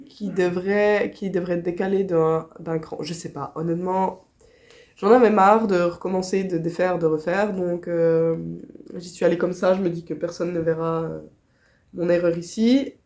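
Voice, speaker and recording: A woman's voice: lowish voice, steady tone, normal speed, a little mellow. A woman from Switzerland with a Swiss French accent, chatting casually in a crafting vlog, her nose stuffed up from a cold. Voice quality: nasal. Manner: chatty, laughs often, many fillers. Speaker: crochet vlogger. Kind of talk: casual chat.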